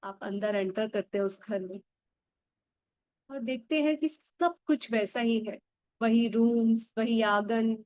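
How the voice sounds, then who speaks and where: A woman guiding an inner child healing meditation, speaking softly and gently straight to the listener. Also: a little high, no room sound. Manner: soft, slow and gentle, addressing the listener directly. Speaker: meditation guide.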